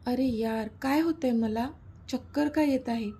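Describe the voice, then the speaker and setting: A woman voicing a distressed young woman, soft-spoken, weak and irritable. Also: high-pitched, unhurried, husky, heavily acted. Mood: dizzy.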